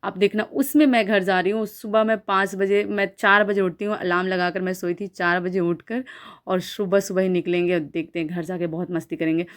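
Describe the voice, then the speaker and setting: A woman's voice: lowish voice, fairly even intonation, a little fast. A young woman from Bihar narrating her daily vlog in a chatty, rambling way, with many fillers and restarts. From Bihar, India. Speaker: vlogger. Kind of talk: casual voice-over vlog narration.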